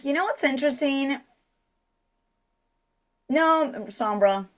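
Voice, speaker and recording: Woman, voice actress, guest interview, naturally low voice, animated, casual, lots of fillers. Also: slow pace. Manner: animated, slips into character voices, filler-heavy.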